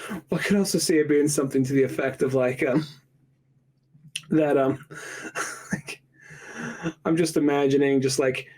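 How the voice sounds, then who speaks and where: A man's voice: on the high side, unhurried, long pauses. A man co-hosting a podcast in casual, rambling chat. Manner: rambling, animated, acts out quotes in funny voices. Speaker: podcast co-host.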